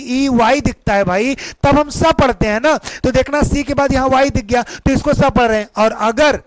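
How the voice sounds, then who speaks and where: A man with a Hindi accent teaching an English pronunciation lesson online, energetic and repeating key points back to his students as questions. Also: very high voice, no echo, poor audio.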